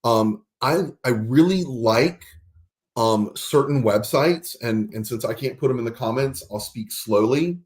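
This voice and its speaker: A man hosts a casual podcast chat. His voice sits at an ordinary middle pitch. He explains patiently and spells words out letter by letter when it matters. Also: lively intonation, a little slow, darkish tone. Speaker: podcast host.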